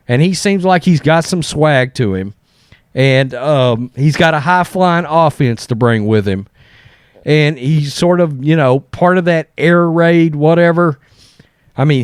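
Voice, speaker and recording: Higher-voiced man in casual sports commentary. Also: no room sound, clean studio sound. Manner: blunt, conversational, often tags points with "okay?". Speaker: sports commentary video host. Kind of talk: casual opinion commentary, reading and reacting to articles.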